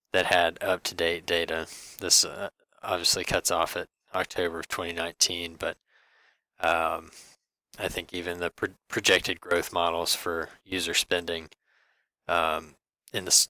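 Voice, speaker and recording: A young man giving a class presentation over slides, halting and full of fillers and restarts. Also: low voice, pushed and bright, no room sound. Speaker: student presenter.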